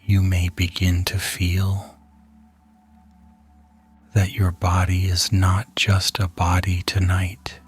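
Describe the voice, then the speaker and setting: This scripted sleep hypnosis is led by a man with a low voice, speaking softly and breathily, frequently close to a whisper. The delivery stays hushed and calming, with long pauses trailing after each phrase.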